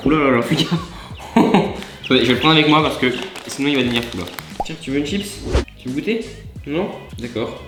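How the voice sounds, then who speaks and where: A young man with a French accent chatting casually to camera in a vlog, full of fillers and quick laughs. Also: medium pitch, a bit bright, reverberant. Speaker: youtuber.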